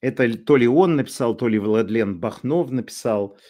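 A man giving an unscripted monologue commentary, sardonic and halting, with many drawn-out filler sounds. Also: mid-range voice, a little mellow.

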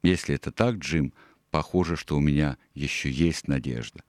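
A man narrating an audiobook in a calm, measured storytelling manner. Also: very deep voice, dry recording, studio quality.

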